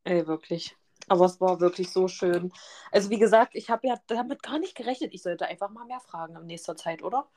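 A woman's voice: fairly low pitch, fairly quick. Hesitant woman in a casual chat. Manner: relaxed, hesitant, repeats herself. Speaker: newly engaged guest.

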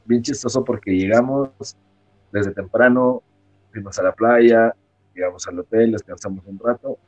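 A man's voice: fairly low pitch, low-quality recording. Mexican man telling a wrestling story. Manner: lively storyteller who acts out quoted people in a raised voice and laughs often. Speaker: wrestler, interview guest. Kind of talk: casual anecdote telling.

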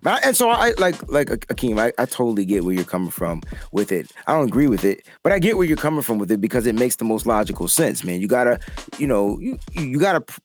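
A man hosting a casual sports talk show, excitable and given to repeating himself. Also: mid-range voice, fast, soft background music. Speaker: podcast host.

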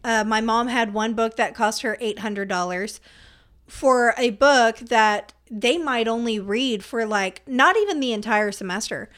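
A young woman chats casually on a podcast, her voice sitting a little high. She tells personal stories in a relaxed, running way and breaks into hearty laughter as she goes. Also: measured pace. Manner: chatty, breaks into big laughs while telling stories. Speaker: podcast co-host. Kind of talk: casual chat.

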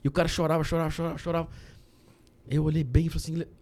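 A man from Brazil, a guest on a podcast, telling a personal story in a casual, animated way and often saying "cara". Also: fairly high pitch, racing. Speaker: podcast guest, candy entrepreneur.

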